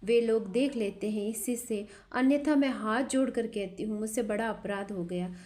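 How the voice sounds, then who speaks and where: A woman's voice: fairly high pitch, normal speed, darkish tone, natural voice. A woman voicing a proud, wounded young courtesan who teases and then pleads. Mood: pleading.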